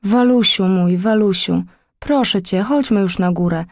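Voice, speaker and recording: A woman's voice: mid-range voice, unhurried, dry recording, studio quality, natural voice. A woman voicing a frightened little girl who pleads tearfully in a storybook reading. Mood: pleading.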